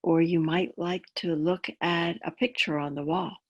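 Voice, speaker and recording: A woman guides listeners through a calm grounding exercise. Her voice sits a little low and has a noticeably husky, breath-worn texture. She instructs gently and plainly, explaining as she goes. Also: normal speed, highs cut off.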